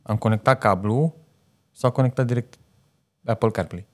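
A man's voice: medium pitch, a little mellow. A man co-hosting a car podcast in a studio, talking in casual chat and acting out little dialogues. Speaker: podcast co-host. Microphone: studio mic on boom arm.

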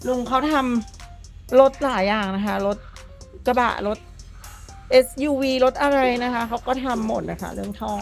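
A woman's voice: fairly high pitch, measured pace, creaky, long pauses. A woman gives an enthusiastic, chatty walkaround of a customized truck at an outdoor workshop. Her speech is polite throughout. Faint music plays underneath her voice. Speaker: presenter for a truck body workshop channel. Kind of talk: walkaround vehicle showcase.

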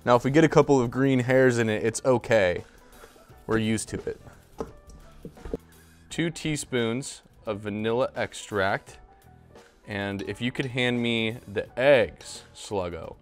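A young man hosts a relaxed home cooking show from his kitchen, chatting cheerfully to a silent mascot at his side. His mid-range voice moves slowly with frequent pauses, picked up by a lapel mic over faint background music.

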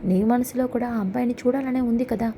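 A woman's voice: a little high, steady tone, a little fast, dark tone, a little hiss or hum, lightly acted. A woman voicing an older grandmother in a serial recap, speaking in a teasing, affectionate way.

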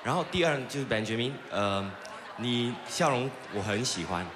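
Male judge, medium voice, pointed vocal notes, loud noise behind. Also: medium pitch, expressive, normal speed, over a noisy crowd. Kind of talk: judge's critique on a talent show.

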